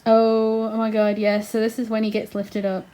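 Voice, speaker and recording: Excitable woman reacting with slang. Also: on the high side, moderate pace. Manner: excitable, exclaiming, slangy and profane. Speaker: reaction video host. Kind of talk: casual reaction commentary.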